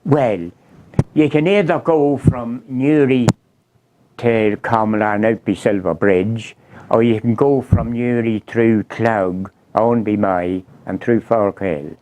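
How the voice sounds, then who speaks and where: A man's voice: on the low side, takes it slowly, dark tone. An older man with a Northern Irish accent, chatting casually about old times in short, plain rural phrases. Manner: plain-spoken, brief rural answers. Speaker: interview guest, local walk guide. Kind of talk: casual reminiscing chat.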